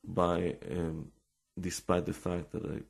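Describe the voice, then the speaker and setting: With a low voice, flat delivery, vocal fry and a breathy edge, a man with an Israeli accent gives an informal religious talk. He recounts personal stories and halts, repeating words, as he gropes for English.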